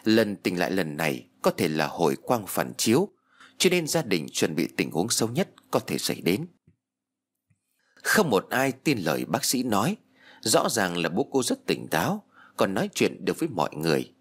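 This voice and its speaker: Male narrator for a ghost story channel, low husky voice, wildly varied pitch. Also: moderate pace. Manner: expressive, emotional reading. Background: faint music.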